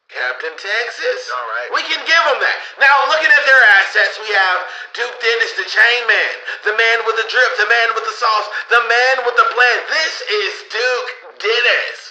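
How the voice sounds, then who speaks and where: A man's voice: very high-pitched, sharp tone, echoey room, full character voice, rough recording. A man voicing a hype sports announcer through a megaphone effect, piling on nicknames for the competitors. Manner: over-the-top announcer build-up, piling on nicknames.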